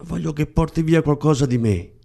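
A man voicing a desperate young woman in love, his voice raised high and pleading. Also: normal speed, creaky, warm tone. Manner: pleading, rising to cries.

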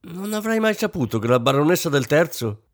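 A man reading an audiobook, voicing a fussy, social-climbing middle-aged wife who is shrill, bossy and fretful. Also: very animated, a little fast, no room sound, clean studio sound. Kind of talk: audiobook character voice.

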